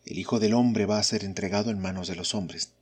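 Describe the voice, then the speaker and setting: Jesus speaks as a calm, authoritative teacher in a solemn scripture reading, as a male reader voices him. The voice is low and husky, and the lines come slow and measured.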